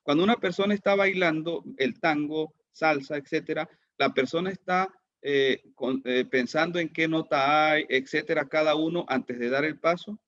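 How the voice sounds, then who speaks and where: A man's voice: on the high side, moderate pace, few pauses, a bit bright, no echo, dull audio. A man teaching an online class, who keeps asking his students questions and repeats words as he goes. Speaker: lecturer.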